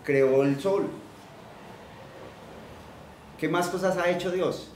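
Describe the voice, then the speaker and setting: This preacher's voice is high and a bit mellow, delivered at normal speed. In his teaching sermon he reads scripture aloud, explains it plainly, quizzes the audience, and leads call-and-response repetition. The recording is roomy and distant, with a faint background hum.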